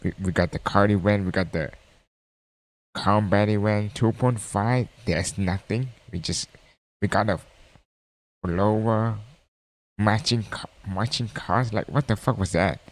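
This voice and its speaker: A man's voice: fairly low pitch, unhurried, pauses often. A man with reacting to a video in casual, rambling commentary, blunt and full of restarts.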